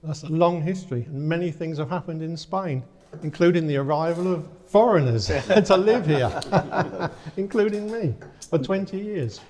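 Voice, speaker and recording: An English man as an interview guest, chatting casually over wine in a relaxed, reflective way with light self-deprecating humor. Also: a little high, moderate pace, big-room sound. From England.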